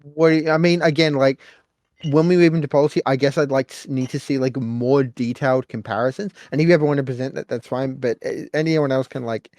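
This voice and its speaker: Man, moderator, skeptical, halting speech, dry close sound. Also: medium pitch, fairly even intonation, a little mellow, no echo. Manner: hesitant, many fillers, skeptical. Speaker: debate moderator. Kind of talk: voice chat debate.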